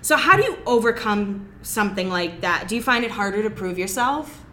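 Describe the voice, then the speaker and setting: A woman's voice: mid-range voice, lively intonation, moderate pace, bright, forceful tone. A woman hosting a casual interview, asking questions in a conversational style. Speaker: interviewer, podcast host. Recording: faint background noise.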